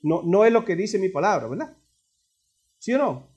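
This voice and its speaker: A man preaching from the pulpit in a striking, very high voice. He keeps checking in with the congregation, mixes jokes with firm points, and moves from soft asides to loud, punchy lines. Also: moderate pace, slightly rough. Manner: lively call-and-response preaching with humor. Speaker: pastor. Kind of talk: sermon. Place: church sanctuary.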